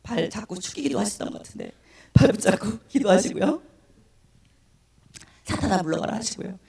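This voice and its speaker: A woman's voice: mid-range voice, quick pace, vocal fry. Woman with a strained voice telling a testimony, echoey. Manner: animated storytelling, acting out quoted voices. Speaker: guest speaker at a church prayer service. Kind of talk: personal testimony talk. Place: church sanctuary. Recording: echoey room, distant mic.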